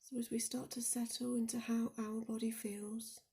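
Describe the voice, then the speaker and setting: This woman's voice sits on the higher side as she guides a body scan meditation, mellow and relaxed with a touch of creak. Slow and deliberate, she keeps her tone soft and calming, frequently near a whisper, and lets gentle pauses fall between her phrases.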